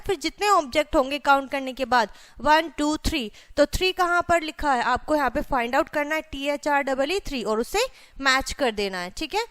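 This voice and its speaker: High-voiced woman teaching kids to count. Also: a bit bright. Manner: counts aloud and spells number names letter by letter; addresses children directly, frequent "theek hai" check-ins. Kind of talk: children's math lesson walkthrough.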